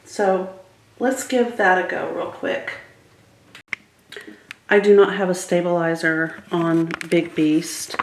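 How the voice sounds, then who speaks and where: A woman's voice: lowish voice, flat delivery, slow pace, long pauses, slight background noise. A woman chatting casually and informally to her viewers in a rambling home vlog, indoors in a house. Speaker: vlogger. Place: indoors, emptied rooms of a house. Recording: echoey empty room.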